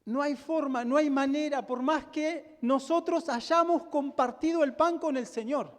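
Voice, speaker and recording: A man's voice: extremely high pitch, measured pace. A male pastor with a Rioplatense Spanish accent preaching a sermon, emphatic and full of rhetorical questions to the congregation. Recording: long hall reverb.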